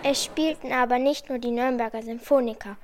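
A woman narrating a scripted news report in a steady read-out manner. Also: on the high side, a little fast, a little hiss or hum.

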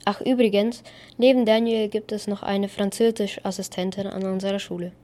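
A woman presents a school news piece from a script, playful and lively. Her pitch sits in the middle range. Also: a little fast.

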